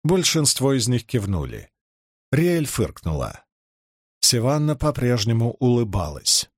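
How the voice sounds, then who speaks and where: Lively male audiobook narrator, dry sound. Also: mid-range voice, measured pace, no room sound. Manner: expressive storytelling reading. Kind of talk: scripted fantasy narration.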